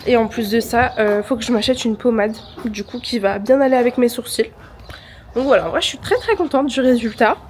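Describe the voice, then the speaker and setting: Congested from a cold, a young vlogger talks casually into her phone camera in an upbeat, slang-filled way. Her voice is a little high, fairly quick, and a bit mellow, with slight background noise and music playing beneath.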